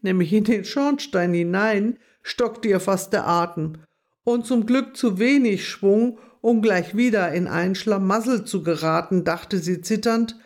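A woman narrating a children's animal story in a calm, gentle reading voice. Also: fairly low pitch.

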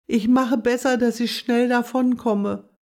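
A reader doing a squeaky little dormouse girl. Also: a little slow, lightly acted. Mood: eager. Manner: excitable, talks to herself.

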